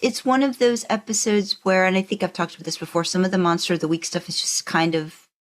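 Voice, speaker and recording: Speaking quickly in a fairly low pitch, a woman co-hosts a casual fan-discussion podcast. A professional narrator, she works through her opinions in an easy, conversational manner, hedging with frequent asides.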